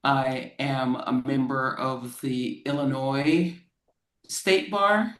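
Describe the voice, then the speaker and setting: An American woman from Florida, a lawyer speaking as a guest and explaining things slowly and plainly for English learners over a video call. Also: very deep voice, steady tone, roomy sound, low-quality recording. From Florida, United States. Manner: measured, explains terms plainly.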